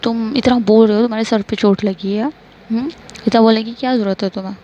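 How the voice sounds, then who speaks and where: A woman's voice: on the high side, steady tone, fast, mellow, highs cut off, slight background noise, close to an everyday voice. A woman voicing a stern, protective young woman who scolds and orders her friend to rest, in a storybook reading. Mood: scolding. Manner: scolding, bossy.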